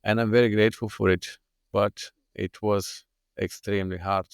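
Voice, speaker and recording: A Bulgarian man telling his own story as a podcast guest, earnest and halting with many restarts. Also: fairly low pitch, flat delivery, clear, resonant tone, no room sound, studio quality. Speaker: guest, fitness coach. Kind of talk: podcast interview.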